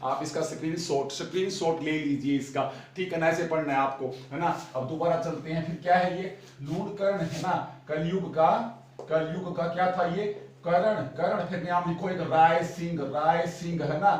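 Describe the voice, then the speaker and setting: A young man teaching a fast exam-prep lesson, asking questions and answering them himself, urging his students on like an older brother. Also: on the high side, fairly even intonation. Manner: drills with repeated questions and answers; urging, brotherly pep talk. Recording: echoey room, distant mic.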